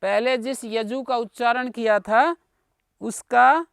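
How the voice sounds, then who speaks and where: Slow high-voiced man teaching grammar. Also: fairly even intonation, gravelly, fairly bright tone, clean tone, dry recording, studio quality. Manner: patient, explanatory, checks with listeners ("हैं?", "ना"). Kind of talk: online class lecture explaining grammar. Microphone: video call.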